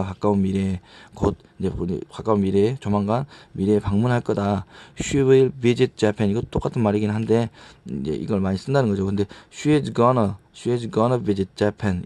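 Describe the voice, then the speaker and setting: Halting low-voiced man tutoring English. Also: mellow, no echo. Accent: Korean. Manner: repetitive, halting, often restarts words, reads English example sentences slowly. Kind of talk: casual explanatory lecture.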